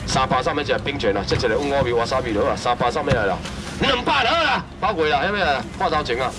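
Taiwanese man in his thirties, night-market seafood auctioneer, fast hawking with shouted prices, recorded from a distance outdoors. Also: very animated. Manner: loud rapid hawking, jumps to high shouts on prices. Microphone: far camera. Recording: distant mic, loud crowd and traffic noise.

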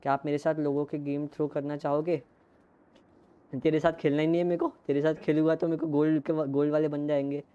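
A male game streamer chatting casually and joking while shouting quick team callouts. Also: a little high, level tone, clear, resonant tone, dull audio. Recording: gameplay audio with gunfire behind.

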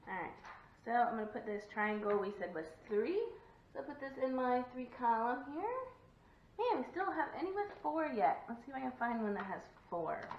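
A woman's voice: fairly high pitch, animated, a little fast. A woman teacher giving a video lesson to young children, encouraging and sing-song, clapping out syllables. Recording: echoey room, dull lo-fi sound.

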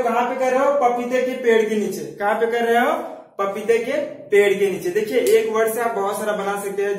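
A male teacher explaining memory tricks, asking questions and answering them himself, and saying "okay" between points. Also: extremely high pitch. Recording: very echoey room, mic far off.

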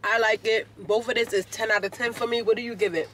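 A man's voice: high-pitched, fairly even intonation, quick pace, pushed and bright. A man vlogging in a car, chatting casually and animatedly to his viewers. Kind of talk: casual chat to camera. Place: inside a car. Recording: car noise behind.

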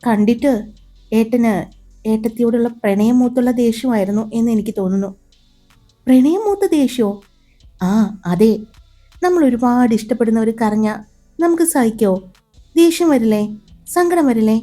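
A woman's voice: fairly high pitch, moderate pace, long pauses, warm tone, faint music behind, lightly acted. A woman reading a clever, reassuring young sister-in-law in a storybook, explaining things confidently.

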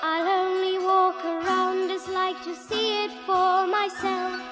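A woman's voice: very high-pitched, little pitch movement, takes it slowly, music in the background. A woman singing as a lonely, earnest young girl in an on a musical cast album. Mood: earnest pleading. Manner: earnest sung plea with dialect words. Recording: studio cast album with loud orchestra.

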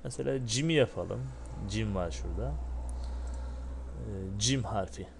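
A man with a fairly low voice teaches a patient, step-by-step lesson, putting questions to himself and answering them. He drills short syllables one after another, and a faint hiss sits under the recording. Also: measured pace, vocal fry, darkish tone. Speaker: Arabic teacher.

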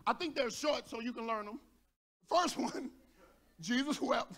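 Male pastor with a light Texan accent, high voice, lively preaching, shouts and jokes in a church. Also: normal speed. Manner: animated preaching, shouting at peaks, joking with congregation. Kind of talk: sermon. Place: church sanctuary.

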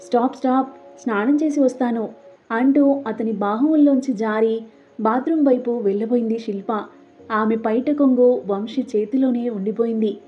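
A woman narrating an audiobook story as the storyteller, reading every character's lines herself in a soft voice. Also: on the high side, moderate pace. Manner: reads all parts herself with soft dialogue. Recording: dull lo-fi with soft background music.

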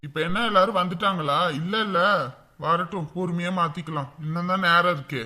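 A man's voice: high-pitched, fairly even intonation, fairly quick, sharp tone. An actor playing a young husband who grumbles and sulks at his wife.

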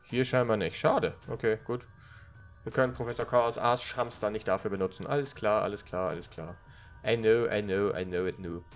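Ein Mann kommentiert als Let's Player locker und beiläufig ein Spiel. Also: male voice, fairly low pitch, steady tone, moderate pace. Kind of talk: casual gaming commentary. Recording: faint game music behind. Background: video game music.

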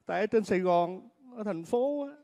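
A man's voice: high-pitched, animated, brisk, mellow, long reverb tail. A man playing a blunt elder daughter back from the city, in a live stage comedy skit. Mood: teasing. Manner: blunt, defiant questioning.

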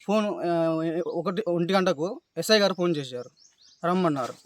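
High-voiced pleading man with Telangana accent. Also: animated, dry recording. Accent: Telangana Telugu. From Telangana, India. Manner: pleading, halting, keeps addressing the listener as sir. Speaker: complainant describing police abuse. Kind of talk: recorded interview testimony.

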